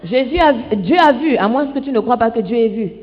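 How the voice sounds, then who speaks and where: Fast-talking woman interpreting a sermon. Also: a little high, lively intonation. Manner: brisk, restarts and self-corrects while keeping up. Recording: dull, reverberant hall sound.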